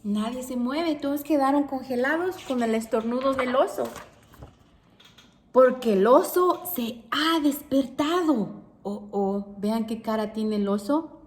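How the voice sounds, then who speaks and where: Teacher lady reading a picture book to kids, slow and high, keeps asking them questions. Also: a little hiss or hum. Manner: animated, asks the children questions. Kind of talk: storybook read-aloud for children.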